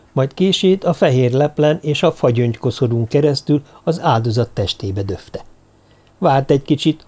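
A man reading a novel aloud as an audiobook narrator, in measured, even storytelling. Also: medium pitch. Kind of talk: scripted narration.

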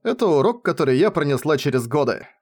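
A man narrating a novel in the first person with an expressive, lively reading. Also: a little high, fast. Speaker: audiobook reader.

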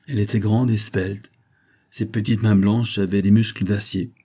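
Male audiobook reader, low pitch, dark husky tone, measured delivery. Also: flat delivery. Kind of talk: audiobook narration.

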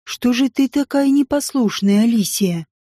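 A woman voicing a commanding, domineering male king in an audiobook, speaking low and curt. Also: animated, normal speed, warm tone, no echo, studio quality. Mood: stern.

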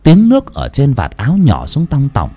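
A man's voice: mid-range voice, huge pitch swings, moderate pace, mellow. A man narrating a ghost story in a dramatic, suspenseful way.

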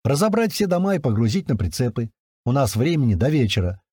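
A man voicing a calm, wry male commander who explains matter-of-factly. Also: medium pitch, quick pace, breathy edge, no echo, clean studio sound. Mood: explaining.

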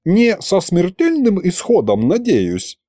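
A man's voice: high voice, huge pitch swings, warm tone, no echo, clean studio sound, pitched above the performer's own voice, heavily acted. A man voicing a polite, reasoning horned male archivist at a royal court in an audiobook. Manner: courteous, measured.

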